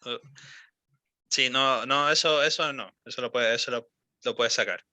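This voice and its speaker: A young man, giving one-on-one English pronunciation coaching, patient and modeling words slowly with many fillers. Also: mid-range voice, pushed and bright. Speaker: English teacher.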